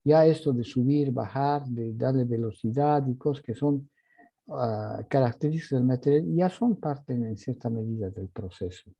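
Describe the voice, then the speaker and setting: Male composition teacher, husky gravelly voice, scats rhythms mid-lesson, muffled lo-fi recording. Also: medium pitch, moderate pace, warm tone. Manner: vocalizes musical articulations with syllables. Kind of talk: orchestration workshop lesson. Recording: dull lo-fi recording.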